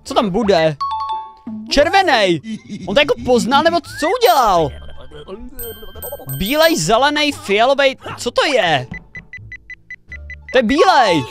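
A young man hosting a reaction video in casual commentary, excitable and quick to shout warnings, often repeating himself. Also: extremely high pitch. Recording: loud music under the voice. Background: the animation's music.

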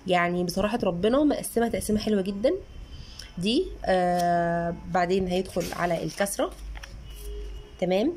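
A woman's voice: mid-range voice, darkish tone, a little hiss or hum. Chatty Egyptian mother reviewing books. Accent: Egyptian Arabic. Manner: chatty, earnest, slowly sounds out syllables. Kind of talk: casual book review vlog.

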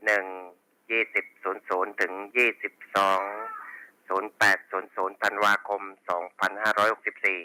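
A man's voice: lowish voice, little pitch movement, normal speed, bright, forceful tone, a little hiss or hum, poor audio. A man working as a police radio dispatcher, reading back station reports and call signs in formulaic procedure over a walkie talkie. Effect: two-way radio.

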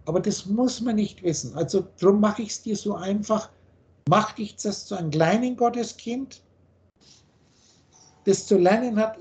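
A man's voice: high voice, a little mellow. A man teaching in a video call, blunt and preachy, firing off rhetorical questions. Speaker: spiritual teacher.

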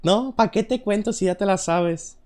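A young man with a Mexican accent streaming a puzzle game live, joking loudly, swearing and answering his chat. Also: sits high, moderate pace, very noisy. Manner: loud and joking, swears often, reads chat aloud.

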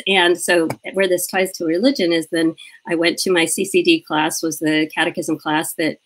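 A woman's voice: low-pitched, poor audio. A woman interviewing a guest over a live video call, chatting casually and laughing as she tells stories. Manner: chatty, laughs often, acts out childhood quotes.

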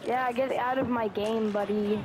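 A man's voice: very high-pitched, steady tone, normal speed. A teenage boy on a gaming party chat, goofy and trash-talking with nonsense jokes. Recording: roomy voice chat with noise behind.

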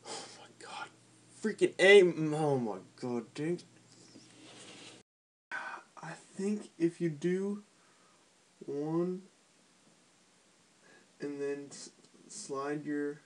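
A man talking in his sleep in mumbled, disjointed, repetitive phrases. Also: on the high side. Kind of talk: unconscious sleep talk. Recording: noisy home recording with clicks.

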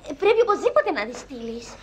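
A woman's voice: sits high, sing-song. An actress playing an insistent, coaxing woman with a Cypriot accent. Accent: Cypriot Greek. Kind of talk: sitcom acting. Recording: TV sound with music behind.

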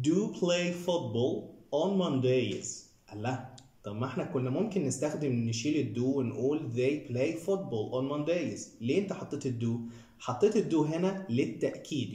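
A man's voice: mid-range voice, dark tone, reverberant. A man with an Egyptian Arabic accent teaching an English grammar lesson, explaining each rule step by step and speaking directly to his viewers.

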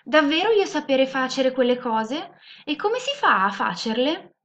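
A woman's voice: mid-range voice, unhurried, a bit bright, lightly acted. A woman voicing a naive, polite little male elf child who speaks in earnest, broken grammar. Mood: eager. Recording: muffled lo-fi recording.

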